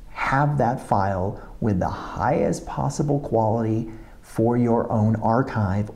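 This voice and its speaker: Speaking to his tripod-mounted camera, a man who makes motorcycle vlogs explains camera and export settings one step at a time in a methodical tutorial. His voice is medium-pitched, creaky and dark.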